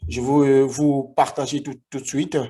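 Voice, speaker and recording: A man in his forties from the Republic of the Congo, speaking. He tells his own life story in a vlog, halting often and repeating himself. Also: medium pitch, level tone, warm tone. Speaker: vlogger.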